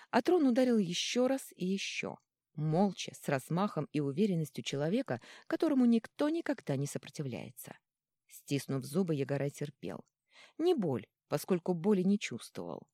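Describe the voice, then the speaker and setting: A woman narrating an audiobook in an expressive, dramatic reading style. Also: sits low, no room sound, clean studio sound.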